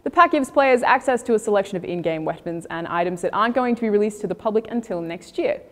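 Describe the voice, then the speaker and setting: A woman's voice: mid-range voice, lively intonation, fast talker. A woman reading scripted video game reviews and news as a presenter. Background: music.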